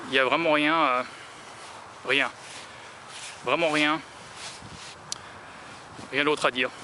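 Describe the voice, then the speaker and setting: A man's voice: fairly high pitch, fairly even intonation, slow pace, bright, forceful tone. A man from France vlogging as he walks outdoors, talking in a rambling, hesitant way full of filler sounds. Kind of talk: casual walking monologue. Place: outdoors in a town, walking in the sun. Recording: noisy outdoor street recording.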